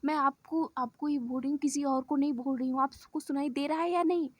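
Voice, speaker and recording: A woman voicing a quick-tempered young woman who shouts indignantly in a storytold romance. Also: sits high, slightly rough, dry recording.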